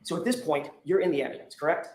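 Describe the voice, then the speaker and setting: A man's fast, somewhat high, slightly mellow voice carries a defense attorney's cross-examination as he presses a witness with insistent, pointed questions. The courtroom audio echoes and has faint noise.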